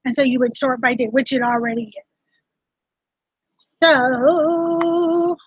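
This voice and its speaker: A high-pitched woman hosts a casual livestream tutorial, chatting directly with her viewers in a friendly back-and-forth way. Her voice comes through dull and lo-fi, with a dry, close sound and no room echo. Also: fairly even intonation, slow pace, breathy edge. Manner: chatty, talks straight to viewers in chat. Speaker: reseller vlog host.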